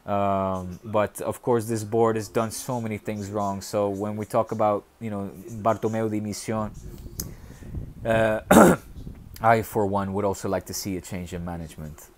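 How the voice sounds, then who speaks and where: A man from the Netherlands hosting a casual football live stream, reading viewer comments aloud and rambling with bursts of excitement. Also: lowish voice, unhurried, a little hiss or hum.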